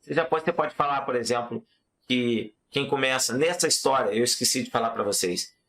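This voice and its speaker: Man, chess teacher, live class, animated storytelling, mid pitch. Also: brisk. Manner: animated storyteller, addresses the audience directly.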